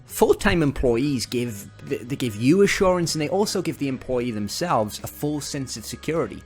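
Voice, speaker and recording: Chatty northeast English man pitching. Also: lively intonation, normal speed, faint music behind. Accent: northern English, northeast England. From northeast England. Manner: chatty, upbeat, salesy, chuckling asides. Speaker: business owner giving advice. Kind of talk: casual direct-to-camera advice talk.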